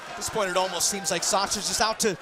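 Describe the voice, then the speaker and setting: A man's voice: high voice, steady tone, fast. A man doing wrestling play-by-play commentary with emphatic, dramatic calls. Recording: loud arena crowd noise. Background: roaring crowd in an arena.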